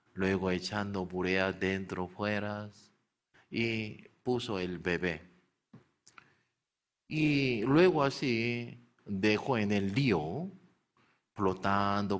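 A man preaching a storytelling sermon who keeps asking his listeners questions and then answering them himself. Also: fairly low pitch. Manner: animated retelling, slips into character voices.

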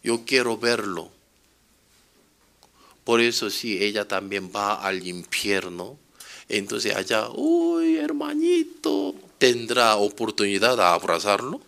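A male preacher delivers a sermon in a slow, deliberate rhythm. He tells stories emphatically and keeps asking his listeners rhetorical questions. His voice is bright and forward. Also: mid-range voice, creaky.

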